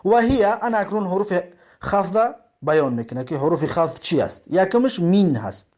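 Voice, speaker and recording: Lively Tajik man teaching grammar. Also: high voice, lo-fi sound. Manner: explains step by step, repeating terms and examples; reads the Arabic text slowly, word by word. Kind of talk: religious grammar lesson.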